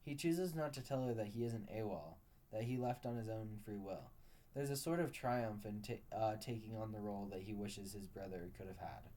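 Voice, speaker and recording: Mellow male story narrator. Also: fairly low pitch, normal speed. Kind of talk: story read-aloud.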